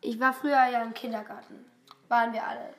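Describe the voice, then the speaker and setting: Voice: medium pitch, little pitch movement, a little fast, a bit bright. A female co-host of a laughing challenge in casual chat, mock-exasperated and often repeating phrases. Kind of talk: casual joking reaction chat. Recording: noisy echoey room.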